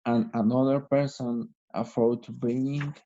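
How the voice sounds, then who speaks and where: Male student, slow hesitant reader, mellow tone, lo-fi video call sound. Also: mid-range voice, flat delivery. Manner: hesitant reading aloud, asks about words.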